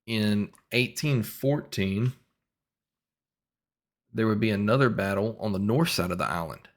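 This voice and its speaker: A man co-hosting a podcast, reading out history from notes, spelling names letter by letter and trailing off quietly at sentence ends. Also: fairly low pitch, measured pace. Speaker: podcast co-host. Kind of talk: casual podcast chat.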